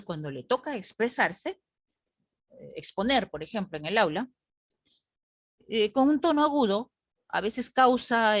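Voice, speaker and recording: A woman's voice: mid-range voice, no room sound, clean studio sound. A woman teacher lecturing a class online, asking the group rhetorical questions and often adding "¿no?".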